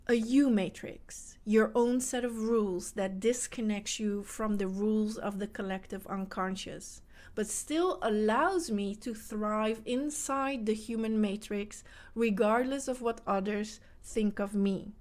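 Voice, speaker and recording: In an earnest podcast monologue, a self-help coach for mothers speaks directly to the listener. She's from the Netherlands, a native Dutch speaker using English with a Dutch accent, and her mid-range voice has a darkish tone.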